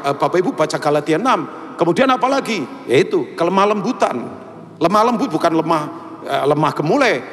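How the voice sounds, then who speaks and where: High, lively male preacher in a hall. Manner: lively storytelling, addresses congregation directly. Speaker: pastor. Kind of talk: sermon. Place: church hall.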